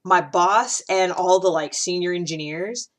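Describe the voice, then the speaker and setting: Here a woman in her thirties from Ohio, USA, talks casually on her podcast, her lowish voice unhurried against slight background noise. It's a chatty, meandering personal monologue, packed with fillers, "like," and frequent restarts.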